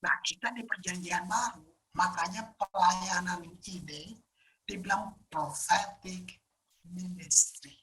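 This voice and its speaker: A woman pastor giving a casual, emphatic sermon, often sinking into a hushed whisper. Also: fairly low pitch, takes it slowly, rough recording. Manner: casual conversational preaching with fillers.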